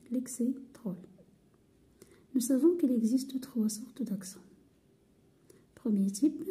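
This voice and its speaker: A woman teaching a French grammar lesson, talking slowly and deliberately, spelling out letters, repeating words and often dropping to a half whisper. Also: fairly high pitch, dark tone. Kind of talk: slow lesson explanation.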